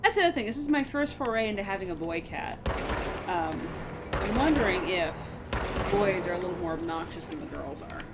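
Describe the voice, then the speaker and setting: A woman's voice: on the low side, lively intonation, normal speed, noisy background. A woman chatting playfully on a home game stream, talking about her cat. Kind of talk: casual live-stream chat.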